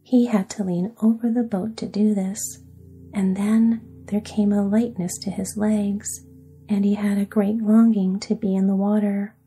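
Woman whispering a slow bedtime story. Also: medium pitch, flat delivery, soft background music. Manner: soft, hushed and soothing. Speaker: narrator. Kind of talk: whispered sleep story narration.

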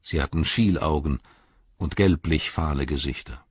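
A man narrating an audiobook with expressive storytelling. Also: extremely low pitch, normal speed, husky, no echo, muffled recording. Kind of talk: scripted narration.

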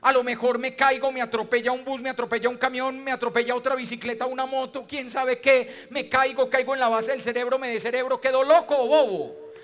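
A man's voice: very high-pitched, little pitch movement, brisk, fairly bright tone. A man voicing a pessimistic little boy who spirals into anxious, whiny catastrophizing. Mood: anxious whining.

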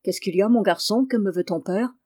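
A woman's voice: medium pitch, brisk, warm tone, lightly acted. A woman reading the lines of a plain-spoken farmer father in a storybook.

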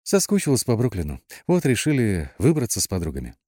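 A man's voice: fairly low pitch, huge pitch swings, a little fast, a little mellow, dry recording, clean studio sound, voice pushed up. A man voicing a cheerful, bubbly young woman, the narrator's ex. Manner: bubbly, squealing.

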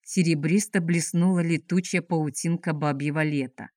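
A woman narrates a novel in a measured, expressive manner. Her voice sits somewhat low, and the recording is dry and close. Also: no room sound. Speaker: audiobook narrator. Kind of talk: scripted narration.

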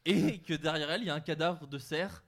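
A man's voice: on the high side, fairly quick, fairly bright tone. A man telling a funny personal anecdote to friends around a table, with lots of fillers and laughs. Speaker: podcast co-host. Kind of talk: casual storytelling chat.

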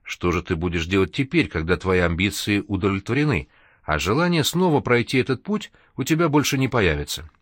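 A man's voice: fairly low pitch, big pitch swings, brisk, dry recording, studio quality. A man reading an audiobook, voicing a serious, sincere male mentor with a stern manner.

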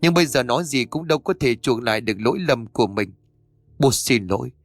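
A man's voice: medium pitch, a little fast, dry recording, faint music behind, natural voice. Man doing a remorseful begging father. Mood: pleading. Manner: humble, pleading, apologetic.

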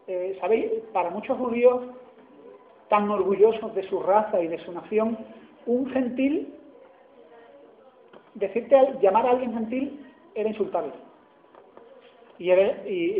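A man from Spain with an Andalusian accent, preaching a sermon in a chatty way and often asking his listeners "¿no?". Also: high voice. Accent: Andalusian Spanish. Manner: conversational, asks "¿no?" often. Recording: echoey hall over a tinny line.

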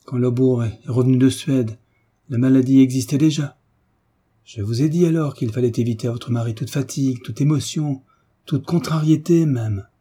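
A man voicing a gruff, affectionate old family doctor who speaks brusquely and heartily. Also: medium pitch, moderate pace, warm tone, pitched above the performer's own voice, close to an everyday voice. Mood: grave, stern.

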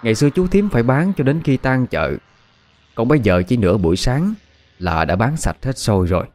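A man with a Southern Vietnamese accent narrating a ghost story in a calm, measured way. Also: mid-range voice.

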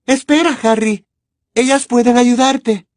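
A woman's voice: fairly high pitch, fairly even intonation, unhurried, a little mellow, no room sound, clean studio sound, lightly acted. A woman voicing a clever, anxious teenage girl witch who talks with urgent earnestness. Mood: urgent, pleading.

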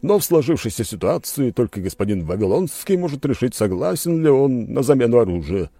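A man reading an audiobook, voicing a composed duel steward who speaks calmly and formally. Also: medium pitch, no room sound, pitched above the performer's own voice. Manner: calm, formal, measured.

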